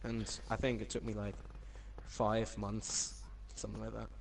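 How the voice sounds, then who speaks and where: A man's voice: on the low side, monotone, moderate pace, gravelly, low-quality recording. A man chatting casually as a podcast guest, talking in an informal, anecdotal way. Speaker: podcast guest, competitive gamer. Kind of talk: casual chat.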